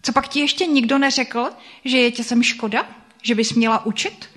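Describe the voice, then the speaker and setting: A woman voicing a strict, sharp-tongued older female teacher who questions insistently, in a spoken story. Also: fairly high pitch. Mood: pressing. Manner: insistent, interrogating.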